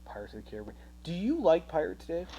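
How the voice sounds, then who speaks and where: A man's voice: a little high, wildly swooping pitch, fast talker, mellow, a little hiss or hum, poor audio. A man co-hosting a casual show, teasing his partner dryly while building a toy set. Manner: dry teasing, playful. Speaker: co-host.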